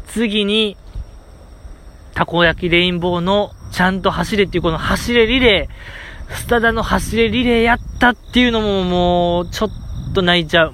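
Brief: high-pitched male podcast host with a Kansai accent, chatty, excitable fan rambling. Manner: rambling, enthusiastic fan chatter with frequent fillers. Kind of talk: casual solo podcast talk.

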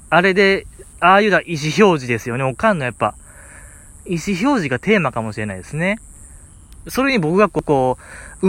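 A man with a Kansai accent hosting a podcast, telling a story in a casual monologue with comic exasperation. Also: fairly high pitch. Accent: Kansai Japanese. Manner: animated, comic exasperation, lots of fillers. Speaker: podcast host.

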